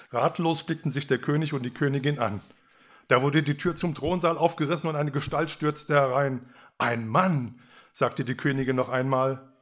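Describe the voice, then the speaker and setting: A man from Germany reads his own satirical fairy tale at a public reading. He narrates in a dry, ironic tone with a medium-pitched voice.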